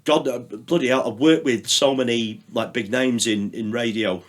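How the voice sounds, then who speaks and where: A man with a medium-pitched voice talks at a normal speed in a casual chat. He is a radio producer appearing as a podcast guest, rambling through anecdotes with plenty of fillers and some swearing.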